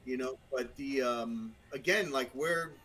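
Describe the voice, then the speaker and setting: A man's voice: mid-range voice, unhurried, bright, forceful tone, poor audio. A middle-aged man with a Brooklyn New York accent, talking frankly and rambling as a podcast guest, with lots of fillers and restarts. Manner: frank, crass. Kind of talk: casual conversation.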